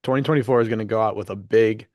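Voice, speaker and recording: A young male podcast co-host chats casually and rapidly in a low voice, enthusiastic and full of fillers. He's losing his voice after being sick, so it sounds a bit worn. The recording is muffled but has no echo.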